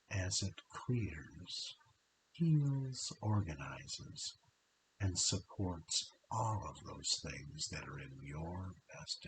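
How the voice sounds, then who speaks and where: A man leading a guided relaxation in a soft, hypnotic way, drawing out short phrases with long pauses and sometimes dropping to a breathy half-whisper. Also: sits low. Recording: steady tape hiss.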